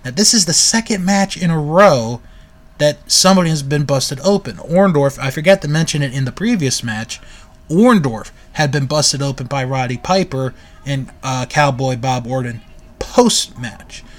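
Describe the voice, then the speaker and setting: A man giving a casual, relaxed recap of a video, often correcting himself and filling pauses with "um" and "uh.". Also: fairly high pitch. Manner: relaxed, self-correcting with frequent fillers. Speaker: video reviewer.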